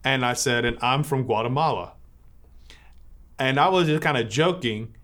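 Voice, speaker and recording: Priest, man, informal church talk, chatty storytelling, mid-pitched voice. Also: normal speed. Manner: relaxed storytelling with filler words.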